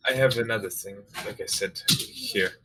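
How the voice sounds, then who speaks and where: A man's voice: lowish voice, normal speed, sharp tone, faint music behind, low-quality recording. A man voicing a polite female ship navigator and potion maker, speaking hesitantly with many fillers. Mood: helpful.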